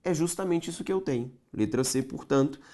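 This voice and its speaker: A man with a Brazilian Portuguese accent teaching an online grammar lesson, talking straight to viewers, checking they follow and slowly stretching key words for emphasis. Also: a little high, mellow. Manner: addresses viewers directly, checks understanding often.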